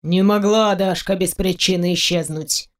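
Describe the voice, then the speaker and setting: A woman's voice: fairly low pitch, fairly even intonation, measured pace, natural voice. A woman reading an audiobook, voicing a menacing middle-aged father who hisses and snarls his lines. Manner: hissing, snarling through teeth.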